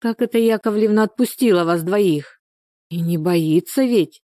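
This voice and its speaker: A woman's voice: mid-range voice, normal speed, warm tone, dry recording, clean studio sound, lightly acted. A woman reading a storybook, voicing a nosy, easily flustered village shop saleswoman.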